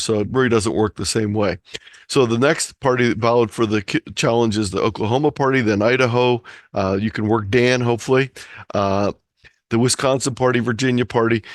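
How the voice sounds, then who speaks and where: An American man with a fairly low voice gives an informal slideshow lecture on a hobby, explaining practical instructions to listeners as a presenter. He's on a close computer or headset mic on a video call, with clean studio sound and no room sound.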